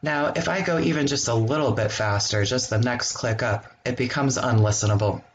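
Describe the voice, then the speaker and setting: A man hosting a screen-recorded software walkthrough, explaining each step in a relaxed way with the odd um. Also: mid-range voice, a little fast, a little hiss or hum. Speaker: software tutorial host.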